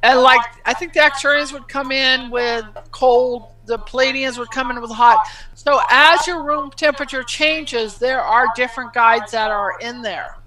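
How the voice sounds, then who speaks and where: A woman's voice: high-pitched, measured pace, music in the background, low-quality recording. A woman guest chatting casually about spiritual matters, eager and reassuring.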